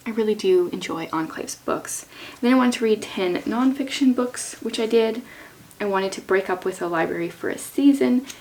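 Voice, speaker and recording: Woman, book vlogger, casual and chatty, frequent vocal fry, informal, thinking aloud. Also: mid-range voice, moderate pace, a little mellow, low-quality recording. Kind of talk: casual chatty talk to camera about reading plans.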